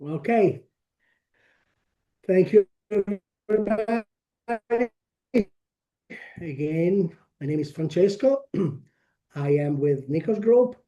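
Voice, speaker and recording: Slow, dark-voiced Italian-accented man. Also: high-pitched, expressive, lo-fi sound. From Italy. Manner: halting, many fillers and restarts. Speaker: webinar presenter. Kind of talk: technical webinar presentation.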